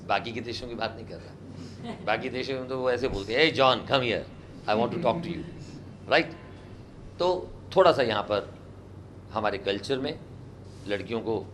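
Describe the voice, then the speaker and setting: Man, English teacher, lively classroom lesson, quizzes students, audible room noise. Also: mid-range voice. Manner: animated, asks the class questions and has them repeat words.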